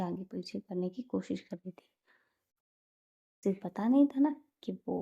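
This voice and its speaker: A woman tells a romantic story in a soft, half-whispered way. Her voice is mellow and dark with a husky, breathy edge and a gravelly fry on the low ends. She keeps a calm, even storytelling pace. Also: dull audio. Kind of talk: scripted story narration.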